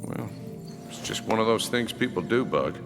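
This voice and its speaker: A man's voice: lowish voice, lively intonation, normal speed, gravelly. A man voicing an easygoing, reassuring friend in a video game. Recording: long reverb with game music behind.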